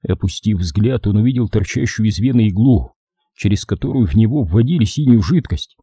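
A male audiobook narrator who reads at a steady, measured pace. His voice is very dark and husky and sits low. The recording is dry and close to the mic. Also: no echo. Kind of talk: scripted narration.

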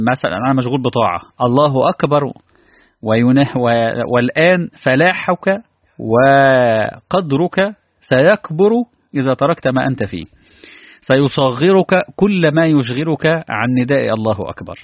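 A man with an Egyptian accent preaching a sermon, animated and asking his listeners rhetorical questions. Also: mid-range voice, no echo. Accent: Egyptian Arabic. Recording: dull, lo-fi dry recording.

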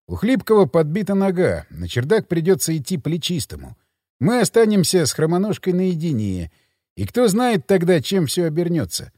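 A man's voice: fairly high pitch, dark tone, no echo. A man reading a first-person thriller audiobook in tense, dramatic scripted narration on a close mic.

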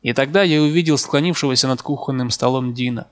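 A man narrating a literary novel as an audiobook in a calm, measured way, with a gravelly voice. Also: medium pitch.

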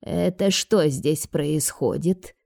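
A woman voicing a suspicious, combative old female neighbor, gruff and slow. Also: mid-range voice, a little mellow, no room sound, clean studio sound.

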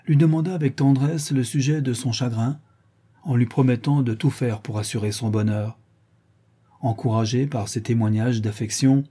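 Male narrator, measured audiobook reading, dark husky voice. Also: mid-range voice.

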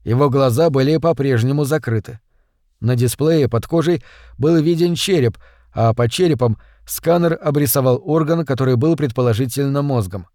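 A man narrating a science fiction audiobook in a steady, even storytelling manner. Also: mid-range voice, normal speed, no room sound, studio quality. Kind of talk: scripted narration.

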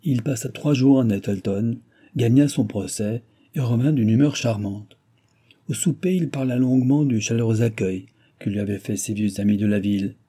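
A man reading a novel aloud as narrator, in a measured, even delivery. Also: medium pitch, slightly rough. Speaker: audiobook narrator.

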